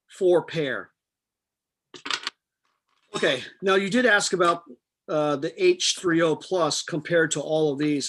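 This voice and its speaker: A man's voice: on the high side, a bit bright, a little hiss or hum. A middle-aged man teaching a chemistry class, explaining step by step with patient jokes. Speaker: chemistry instructor. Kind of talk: live online chemistry lecture.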